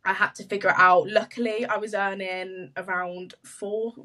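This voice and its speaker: A woman's voice: mid-range voice, normal speed, recorded from a distance. A young woman from the UK, a social media marketer, chatting casually on a podcast with lots of fillers and laughter. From United Kingdom. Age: young adult. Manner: chatty, animated, laughs often, many fillers.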